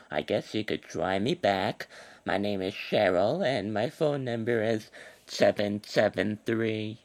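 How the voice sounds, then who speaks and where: A man putting on a sweet, folksy middle-aged woman caller who rambles and stalls with hesitations. The voice is low and gravelly, with a lively, swooping pitch. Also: exaggerated voice. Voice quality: gravelly, drawling endearments. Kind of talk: prank phone call.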